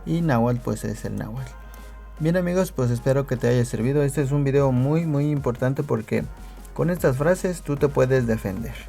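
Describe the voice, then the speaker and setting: Male teacher, gravelly and mellow, patient and repetitive, faint music underneath. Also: medium pitch. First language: Nahuatl. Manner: patient, repeats phrases slowly for learners. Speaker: language teacher. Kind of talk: video lesson.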